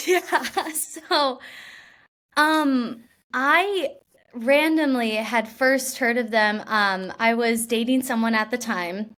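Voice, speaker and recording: Slightly high and a bit bright, her voice moves at an unhurried pace. She is a young woman from Washington state, an actress in an interview, chatty and laughing, with many restarts and plenty of "like."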